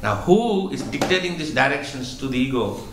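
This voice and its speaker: A man delivers a spiritual lecture with a medium pitch and a measured, explanatory manner, circling back on his own words. The sound is roomy, with noticeable echo around the voice. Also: big pitch swings. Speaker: spiritual teacher. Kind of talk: religious lecture.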